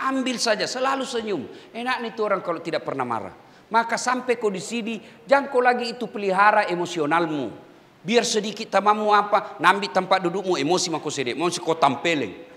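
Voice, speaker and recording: Middle-aged man, Makassar accent, lively preaching, high voice, echoey hall. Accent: Makassar Indonesian. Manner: animated, swings between loud exhortation and low confiding asides; acts out quoted voices of prisoners and himself. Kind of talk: humorous sermon to prison inmates. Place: large hall in a prison.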